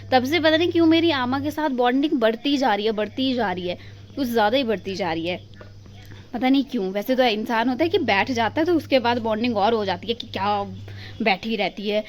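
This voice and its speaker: A young woman from Himachal Pradesh chatting warmly to her viewers in a casual home vlog, recorded on a phone indoors. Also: a little high, rough recording. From Himachal Pradesh, India. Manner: chatty and affectionate, talking to the viewers while doing chores. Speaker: vlogger.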